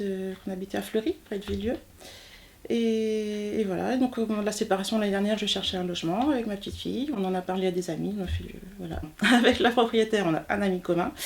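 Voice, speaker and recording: This interviewee, a textile artist in her 40s from southern Manche, Normandy, recounts a personal story casually and frequently searches for the right word. She has a mid-range voice with a darkish tone.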